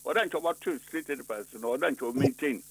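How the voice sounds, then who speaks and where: A man's voice: mid-range voice, fairly quick, slightly rough, dry recording, rough recording. A man with a Ghanaian accent arguing politics in a heated discussion, insistent and repeating himself. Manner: insistent, repeats himself, switches between Twi and English.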